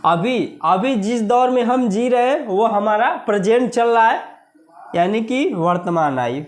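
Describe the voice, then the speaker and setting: A man with an Indian accent teaching a maths lesson for exam preparation, repeating key words slowly and asking the class questions. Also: high voice, animated. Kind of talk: exam-prep video lesson.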